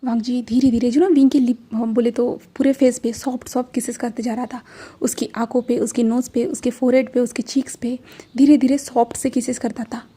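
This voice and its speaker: A woman's voice: fairly high pitch, flat delivery, fairly quick, mellow, slightly rough. A woman casually narrating a fan-fiction story, retelling it with many fillers.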